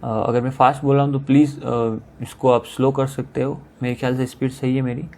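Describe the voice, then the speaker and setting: Male tutor, mellow relaxed tone, methodical exam-prep explainer. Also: mid-range voice. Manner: explains step by step, asks and answers own questions; reads English questions slowly, explains in Hindi. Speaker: teacher. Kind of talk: online exam-prep lesson.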